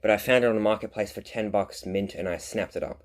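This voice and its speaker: A man's voice: lowish voice, fast talker. A young man chatting casually as he hosts a top ten countdown of his collection, with self-deprecating asides. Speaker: collector, video host.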